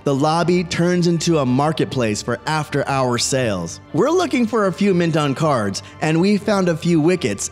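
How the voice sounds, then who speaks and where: An upbeat man in his forties narrates his own collecting vlog, his voice set a little high. A long reverb trails behind his words, and soft music plays underneath. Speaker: host. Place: home studio with toy shelves.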